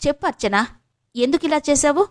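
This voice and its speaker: A woman's voice: a little high, moderate pace, lightly acted. A woman reading an audio novel, voicing a blunt young friend who scolds and needles, in a raised, firm voice. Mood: sarcastic. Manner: firm, cutting, lecturing.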